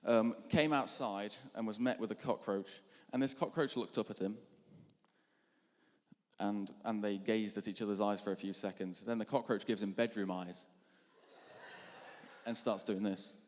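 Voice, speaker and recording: A man's voice: fairly low pitch, steady tone, moderate pace, long pauses. A young man doing a stand-up routine between acts at a charity show, rambling and self-deprecating with lots of ums. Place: large hall on stage. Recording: hall reverb.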